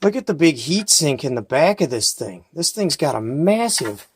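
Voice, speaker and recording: This is the host of a CB radio review channel doing a casual unboxing and product review, filmed at home on a handheld camera mic. His voice is on the high side, moderately paced and slightly rough, swinging widely in pitch as he rambles in an enthusiastic, folksy way.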